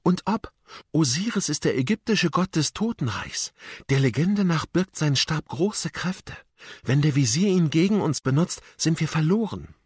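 Storybook heroine: a bold young girl, as a man puts her on, quick and hushed. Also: fairly high pitch, very animated, slightly rough, dry recording, studio quality, voice pushed up. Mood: worried. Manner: urgent, hushed. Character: clever, brave young girl.

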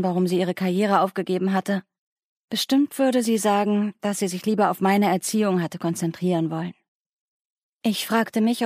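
A woman reading a first-person audiobook in a composed, even way. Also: mid-range voice, dry recording, clean studio sound. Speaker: audiobook narrator.

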